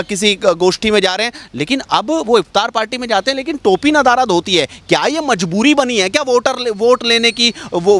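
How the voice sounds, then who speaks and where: A man's voice: sits high, a bit bright, no echo. A man hosting a news interview, asking a guest pointed, probing questions.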